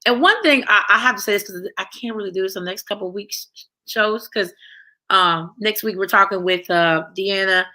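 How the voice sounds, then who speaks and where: Female host, bright forceful tone, loose rambling chat with viewers. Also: mid-range voice, normal speed. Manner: rambling, repeats phrases while thinking aloud.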